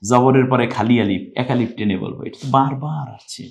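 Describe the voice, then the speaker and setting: Man teaching slow, patient recitation. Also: mid-range voice, vocal fry. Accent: Bangladeshi Bengali. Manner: explains rules slowly, then chants verses louder and drawn out. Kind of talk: step-by-step recitation lesson.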